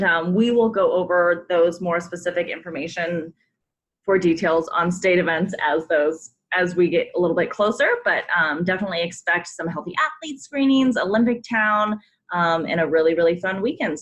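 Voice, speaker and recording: This woman, from a sports program staff, runs a coach conference call and guides everyone through forms on screen, giving a friendly instructional briefing peppered with ums and polite reminders. She speaks at normal speed with a fairly low pitch.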